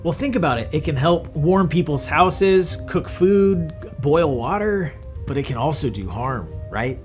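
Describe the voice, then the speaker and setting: A man hosts a children's church lesson in a slightly high voice. He explains things to kids in a friendly way. Faint music sits behind him. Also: animated, unhurried. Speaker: host.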